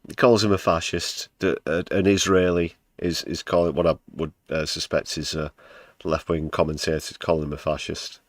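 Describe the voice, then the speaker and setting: A man's voice: low-pitched, little pitch movement, normal speed. A man from the United Kingdom hosting a livestream, giving casual, wry commentary on news clips with sarcastic asides. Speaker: livestream host.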